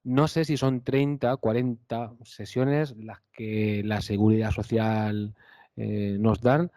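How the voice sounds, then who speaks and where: Man, Spanish accent, speech therapist on a panel, low mellow voice, dry sound. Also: fairly even intonation, slow pace, no echo. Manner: explanatory, frequent fillers and tag questions. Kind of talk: panel talk answering questions.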